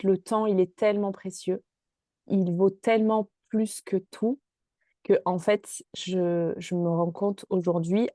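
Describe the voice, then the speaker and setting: This podcast guest is a Marseille woman in her twenties who chats casually in an interview, hesitating often and leaning on fillers. Her mid-range voice has a warm tone, captured cleanly in a studio with no room sound.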